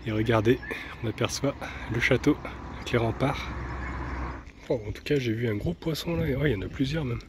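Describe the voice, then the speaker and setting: A man from France filming a casual travel vlog outdoors on a handheld camera, chatty and relaxed, with soft laughs and hesitant fillers. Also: medium pitch, fairly quick, pauses often, noisy background. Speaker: travel vlogger. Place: outdoors, walking around a van and an old town.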